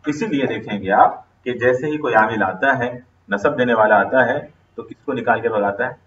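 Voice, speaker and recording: A man's voice: mid-range voice, normal speed, a bit bright, muffled recording. A man with a Pakistani Urdu accent teaching an Arabic grammar lesson, drilling students with questions and repeating terms emphatically. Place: classroom. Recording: roomy classroom, mic far off.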